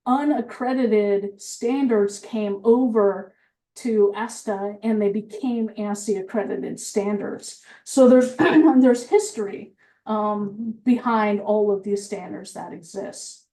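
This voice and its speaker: A woman's voice: mid-range voice, slow, dark tone. A woman compliance engineer giving a methodical technical presentation, explaining with frequent fillers, and she has the hiccups.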